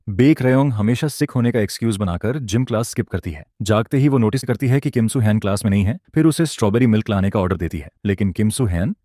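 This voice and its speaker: A man narrating a story recap in a scripted, even storytelling delivery. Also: medium pitch, no echo, clean studio sound.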